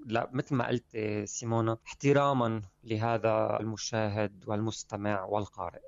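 Fast-talking Lebanese man, emphatic. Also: lowish voice, level tone, creaky, no echo, dull audio. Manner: emphatic, didactic, with frequent fillers. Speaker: journalist and writer. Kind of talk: conversational explanation of language usage.

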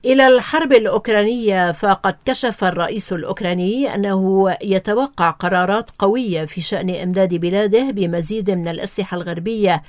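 A woman reading formal radio news headlines in a measured, even delivery. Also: mid-range voice, no room sound, clean studio sound. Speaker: newsreader.

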